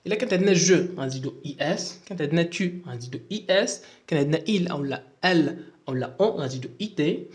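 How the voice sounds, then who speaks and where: A man with a Moroccan accent explaining French verb endings in a lesson and spelling out endings letter by letter. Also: a little high. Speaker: French teacher.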